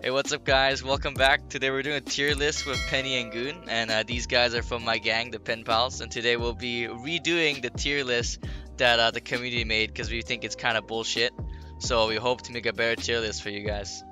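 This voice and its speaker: A young man hosting a casual gaming podcast, chatting in a laid-back way with plenty of fillers, his audio low in the mix. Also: flat delivery, a little fast. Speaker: podcast host. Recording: low-level voice with faint background music.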